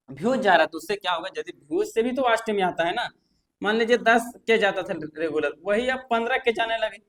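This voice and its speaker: A man's voice: high voice, a bit bright. A man, a tech YouTuber, explaining things to viewers in a chatty, reassuring way, often repeating points and restarting sentences.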